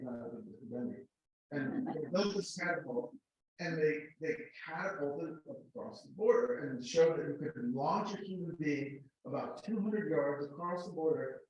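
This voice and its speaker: A man's voice: fairly high pitch, a little mellow. A man, an author and artist, talking casually at a seminar, repeating words and using many fillers. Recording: very echoey room, distant mic, slightly dull.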